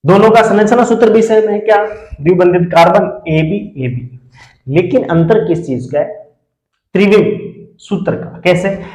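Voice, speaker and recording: A man teaching a chemistry class, who asks questions and answers them himself and repeats key terms slowly so students can write them down. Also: sits high, a little mellow, echoey room, poor audio. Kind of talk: classroom lecture.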